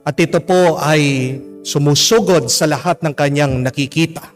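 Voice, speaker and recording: Gentle priest telling a homily story. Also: male voice, on the high side, normal speed, faint music behind. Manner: gentle, polite storytelling with frequent respectful particles.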